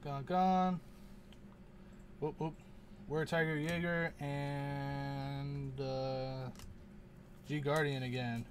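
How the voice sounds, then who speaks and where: Slow-talking man mumbling through an unboxing. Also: mid-range voice, little pitch movement, a little hiss or hum. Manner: rambling, mutters to himself, unsure of names. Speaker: channel host opening card packs. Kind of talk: casual unboxing commentary.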